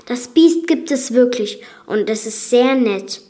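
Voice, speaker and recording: A woman's voice: fairly high pitch, animated, measured pace, mellow. A woman voicing a loving young heroine who speaks emphatically and pleads. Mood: indignant.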